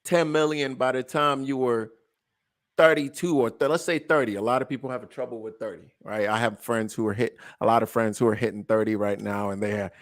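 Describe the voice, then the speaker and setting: A man's voice: mid-range voice, fairly quick. Joking, stammering man in his late twenties. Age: late 20s. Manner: animated and joking, stammers and restarts, laughs often. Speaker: podcast co-host. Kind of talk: casual chat.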